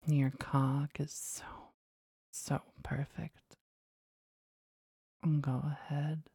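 A woman whispers close and breathy, her low voice husky with gravelly fry. She takes her time over every word in a teasing, commanding way. The sound is intimate and dry. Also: mellow, dry recording. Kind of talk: whispered intimate ASMR roleplay.

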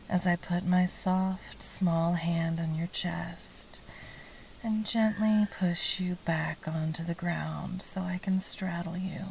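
A woman performs an ASMR role-play as an indulgent, seductive temptress. Her honeyed voice sits on the low side, soft and velvety with a creaky edge. She coaxes in a sultry way, over faint background noise.

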